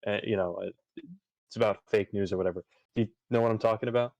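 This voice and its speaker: A man's voice: lowish voice, steady tone, fast talker, vocal fry, darkish tone, dry recording. A man chatting casually on a livestream, rambling with lots of fillers and restarts. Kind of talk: casual chat while gaming on a livestream.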